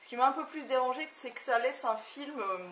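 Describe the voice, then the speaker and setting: A young woman with a fairly high voice chats through a casual beauty product review, pausing often on filler sounds. She sits away from the camera mic in an echoey room at home, with a faint hum of room ambience behind her. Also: fairly bright tone, distant mic. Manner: hesitant, many filler sounds. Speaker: beauty vlogger.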